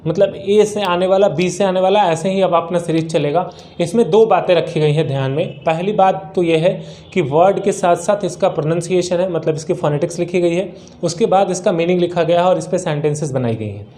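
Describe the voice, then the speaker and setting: Indian man teaching English, mellow. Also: high-pitched. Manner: explains patiently, repeats words and asks rhetorical questions; slows down sharply to read English example sentences. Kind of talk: spoken English vocabulary lesson.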